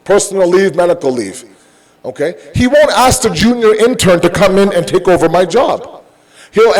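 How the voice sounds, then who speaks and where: High-pitched man preaching in a conversational way. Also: poor audio. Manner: conversational, emphatic, rhetorical questions; mixes English with Urdu and Arabic phrases. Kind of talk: sermon with everyday examples and acted-out dialogue.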